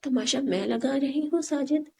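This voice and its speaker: A woman's voice: high-pitched, gravelly. A woman voicing a hot-tempered young female student in an audiobook story, speaking sharply. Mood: angry.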